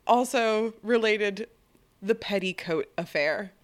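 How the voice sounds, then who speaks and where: A young woman co-hosting a podcast, playful and excitable, laughing often. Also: mid-range voice, slow. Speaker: podcast co-host. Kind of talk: casual chat.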